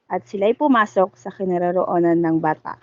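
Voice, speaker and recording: A woman reading Bible verses aloud in a steady, formal way at a church service. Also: on the low side, normal speed, dry recording. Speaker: scripture reader. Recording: muffled lo-fi sound.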